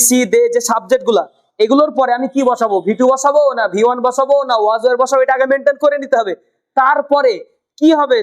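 A woman with a high voice runs a spoken English lesson. She asks the same question again and again and slows down on the key phrases for her learners to repeat. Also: low-quality recording. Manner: drills learners with repeated questions and slow prompts. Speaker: English teacher.

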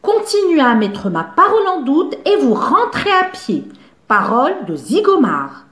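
Brief: woman voicing a squeaky, show-off storybook blackbird, very high and swooping, loud exclamations. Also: very animated, a little slow, roomy sound, heavily acted. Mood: indignant. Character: boastful shrill male blackbird, excitable and touchy. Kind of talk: storybook character voice.

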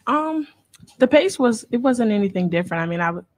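A woman's voice: a little high, animated, brisk, dry recording. A young woman college basketball player answering questions at a postgame press conference, blunt and matter-of-fact, into a table microphone. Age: young adult.

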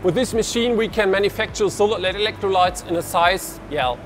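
Soft music plays under this high, brisk male voice with a fairly bright tone. He's a German researcher giving a lab tour in a big indoor industrial hall, gesturing as he explains into a lapel mic and often restarting.

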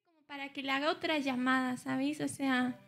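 A young woman streamer with a very high voice talks loosely with her chat. Her tone is bright and forceful, and she has a playful, teasing way of going back and forth with viewers. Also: steady tone, brisk, gravelly.

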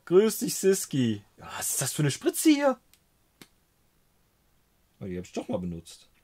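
A man on a casual livestream, fiddling with computer hardware and chatting to his viewers. His voice sits a bit high and bounces all over the place as he jokes. He slips English phrases into the chat and thanks viewers by name. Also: unhurried. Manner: joking, animated, sprinkles in English phrases.

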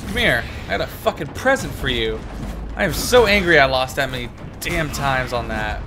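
A young man hosting a gaming channel, commentating his play with loud, profane, raging outbursts. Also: medium pitch, expressive, normal speed. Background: game music.

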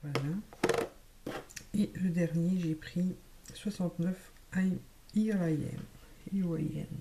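A woman vlogger talks casually through a makeup haul, her voice dark and mellow. Some words drop to a half-whisper. Faint noise hangs behind her. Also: fairly low pitch, slow pace. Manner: chatty, describing eyeshadow shades, some words half-whispered. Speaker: beauty vlogger. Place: home room with lights.

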